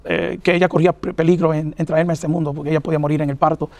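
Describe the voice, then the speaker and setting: Middle-aged guy preaching his testimony, rushes along, lots of uhs, pretty high voice, dry close sound. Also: flat delivery, a little mellow, no echo. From New York, of Puerto Rican parents. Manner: earnest, halting, many fillers. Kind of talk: personal testimony in an interview.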